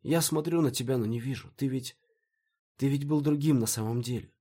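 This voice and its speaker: A man's voice: mid-range voice, very animated, normal speed, a little mellow, breathy edge, pitched above the performer's own voice. A man reading an audiobook, voicing an anxious, pleading young woman in a dream with urgent, emotional delivery. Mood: tearful. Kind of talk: audiobook character voice.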